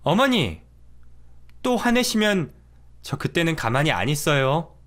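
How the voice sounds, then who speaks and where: A man's voice: fairly high pitch, sing-song, unhurried, fairly bright tone, voice pushed up. A man voicing a young pregnant daughter-in-law in a radio drama story, polite but unyielding. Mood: calm firm.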